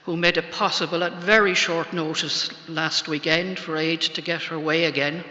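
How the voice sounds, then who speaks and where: Older Irish woman, low-pitched, tender faltering eulogy, halting pauses, muffled echoey church recording. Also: steady tone, bright, forceful tone. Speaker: bereaved sister giving thanks at a funeral. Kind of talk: funeral eulogy. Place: large church, speaking to a congregation.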